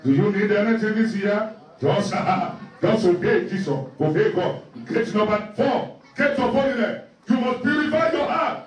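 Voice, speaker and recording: A man preaches a sermon in an extremely high-pitched voice, caught on a distant microphone in a very echoey room. Animated and at normal speed, he instructs the congregation like a pastor. His delivery is emphatic and repetitive, with numbered exhortations and scripture quotes that drive each point home.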